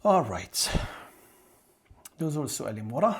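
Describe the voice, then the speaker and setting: A man's voice: medium pitch, big pitch swings, brisk, background noise. A man with a Moroccan Arabic accent teaching an exam-prep lesson, explaining step by step and rephrasing key English terms in Darija.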